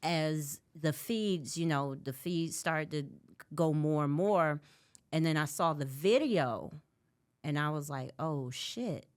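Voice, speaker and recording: A woman from Birmingham, Alabama, a podcast guest telling stories in a casual, animated way. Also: low-pitched, takes it slowly, smooth. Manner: laughs easily, animated storytelling. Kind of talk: casual conversation.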